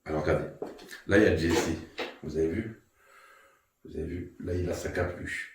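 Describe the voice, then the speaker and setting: A man investigating an abandoned manor, murmuring remarks and then calling out loudly to spirits. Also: sits low, moderate pace, noisy background. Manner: hushed remarks broken by loud calls to spirits. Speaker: paranormal investigator. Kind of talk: live ghost-hunting commentary. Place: large abandoned manor indoors. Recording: echoey, off-mic in empty rooms.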